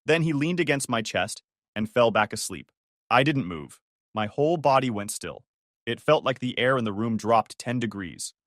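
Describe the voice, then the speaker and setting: Male storyteller, even and measured, with a lively melody and a dry, close sound. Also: medium pitch, dry recording. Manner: calm, measured telling with voiced quotes. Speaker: narrator. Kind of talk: first-person story narration.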